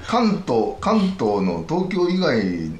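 A man's voice: on the high side, wildly swooping pitch, very slow, lo-fi sound, over a noisy crowd. An older man from western Hyogo with a Banshu Kansai accent, chatting casually and telling reminiscences. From Banshu, western Hyogo, Japan. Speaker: talk show guest. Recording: roomy echo with clear background noise.

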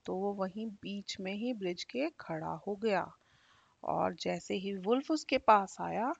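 Slow woman storyteller reading to kids, dry, slightly dull sound. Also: mid-range voice, creaky, husky, no room sound. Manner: slow, expressive. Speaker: children's storyteller. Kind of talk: storytelling for children.

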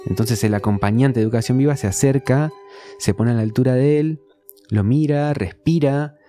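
A man's voice: medium pitch, normal speed, warm tone, faint music behind. A man with a Rioplatense Spanish accent, talking in a casual conversation and explaining his ideas through everyday examples.

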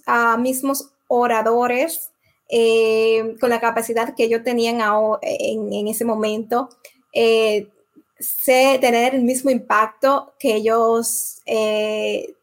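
Woman interviewer, high voice, unhurried, hesitant questions. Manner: hesitant, many fillers. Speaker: host.

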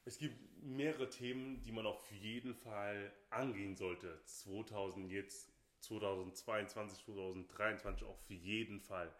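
A Nigerian man co-hosts a podcast, chatting casually and giving his opinions with emphasis, often repeating himself and saying "okay, hey." His voice sits on the low side, with a steady tone and a slightly slow pace. The recording has a roomy echo.

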